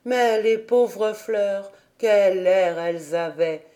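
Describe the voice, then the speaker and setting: A woman reading a children's classic aloud as an audiobook narrator in a slow, measured way. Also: medium pitch, warm tone. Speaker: audiobook reader. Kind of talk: storybook narration.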